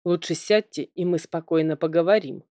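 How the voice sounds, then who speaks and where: A woman's voice: on the low side, moderate pace, mellow, no echo, studio quality, natural voice. A woman reading an audiobook, voicing a weary middle-aged king who talks patiently.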